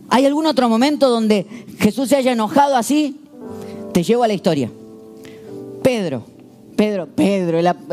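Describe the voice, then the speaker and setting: Animated preacher. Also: male voice, high voice. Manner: animated, storytelling, shifts into quoted voices. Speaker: pastor. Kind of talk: sermon.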